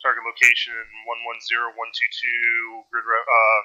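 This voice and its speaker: A man's voice: medium pitch, monotone, normal speed, sharp tone, no echo, muffled recording. A man acting as a helicopter pilot in a military game, giving clipped radio-procedure readbacks over a walkie-talkie.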